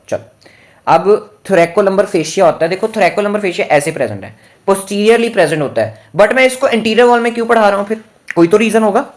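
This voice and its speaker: A man from India teaching anatomy in a lecture that mixes Hindi and English, often asking the class questions and drawing out key terms. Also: fairly high pitch.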